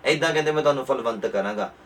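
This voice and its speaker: A pastor with a Punjabi accent preaching a sermon, repeating his points and rising to forceful emphasis. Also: mid-range voice, very fast, far from the mic, slight background noise.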